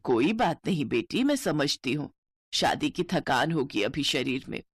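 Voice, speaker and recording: A woman voicing a gentle, loving middle-aged mother-in-law in a cartoon story, speaking in a soft, soothing way. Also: sits low, sing-song, measured pace, breathy edge, dry recording, pitched below the performer's own voice, exaggerated voice.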